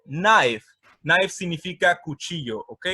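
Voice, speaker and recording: Working from slides, a man walks through an English grammar lesson with patience, frequently checking in and saying words slowly for pronunciation practice. His mid-range voice sounds bright and forceful on a dry recording.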